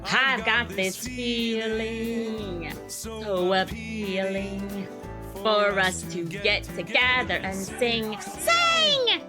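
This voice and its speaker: A man streaming a game through a voice changer that makes him sound like a woman, excitable and swearing as he plays. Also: high voice, extremely slow, music in the background, pitched above the performer's own voice, full character voice. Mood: playful. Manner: excitable, swears often, talks to himself while playing. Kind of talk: casual live-stream chatter.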